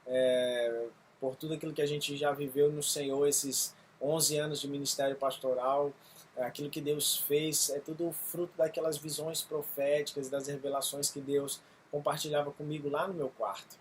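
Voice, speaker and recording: 30s pastor, earnest and halting, lots of ums, slight background hiss. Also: male voice, fairly high pitch, little pitch movement. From Brazil. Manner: earnest, halting with frequent fillers. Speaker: missionary pastor. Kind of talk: testimony video.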